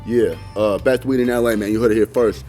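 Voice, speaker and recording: An actor playing a wary, rambling stoner weed dealer who talks in laid-back slang in a mock street interview. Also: male voice, lowish voice, steady tone, fairly quick, warm tone, soft background music, close to an everyday voice. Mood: rambling, boastful. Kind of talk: street interview in a comedy sketch.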